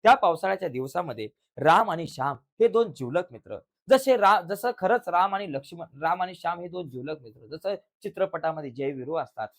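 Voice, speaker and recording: A man teaching an exam revision lesson in a Marathi accent, telling a story dramatically with sound effects and cries, then giving calm writing instructions. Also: on the high side, brisk, few pauses.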